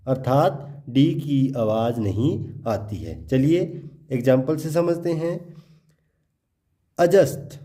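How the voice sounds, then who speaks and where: A man teaching English pronunciation, spelling out letters and repeating each word deliberately. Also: a little high, dark tone. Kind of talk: classroom-style explanation.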